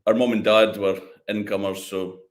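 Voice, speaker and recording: A man's voice: fairly low pitch, flat delivery, normal speed. A middle-aged man from northeast Scotland with a broad Doric accent, chatting casually as an interview guest. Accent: Doric, northeast Scottish. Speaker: interview guest, whisky maker. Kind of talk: casual chat.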